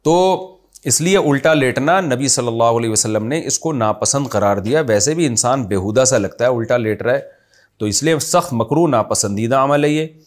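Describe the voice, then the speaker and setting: This man is an Islamic scholar responding to listeners' religious questions, and he has a Pakistani Urdu accent. His voice sits at medium pitch with a moderate pace, and his conversational answers lean on examples.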